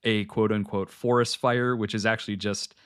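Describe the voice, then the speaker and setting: A podcast co-host talks through a film scene in a relaxed, analytical way, restarting his sentences with fillers. His voice sits fairly low and moves at a moderate pace, with a clean tone captured in a dry, clean studio recording.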